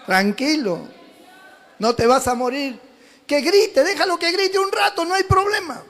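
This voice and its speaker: A man voicing God as a patient figure who gently reassures a crying child. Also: extremely high pitch, unhurried, heavily acted. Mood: soothing.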